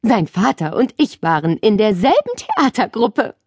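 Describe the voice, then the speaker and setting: A woman voicing a kindly, gently teasing great-aunt in her later years, telling an old story in an audiobook for children. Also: mid-range voice, sing-song, a little slow, no echo, studio quality. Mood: warm, reminiscing.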